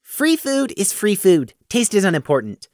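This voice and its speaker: A man's voice: high voice, fairly quick, no room sound, clean studio sound, voice pushed up. Man doing a blunt young pony colt. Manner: matter-of-fact, flat insistence.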